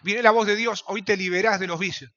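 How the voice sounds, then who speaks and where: A man preaching with a Rioplatense accent, his voice high and bright, cutting through a dull, lo-fi recording. He swings from shouted appeals to low, urgent murmurs. He speaks as a pastor in a fiery evangelical sermon. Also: fairly even intonation, a little fast. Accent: Rioplatense Spanish. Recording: dull lo-fi sound.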